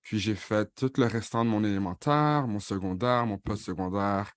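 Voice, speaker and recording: In a studio-quality recording with no room sound, a man in his thirties talks at a normal speed in a lowish voice. He has a Franco-Ontarian French accent, having been born in Paris and raised in Ottawa, and he casually introduces himself and his music, sliding between English and French with easy fillers.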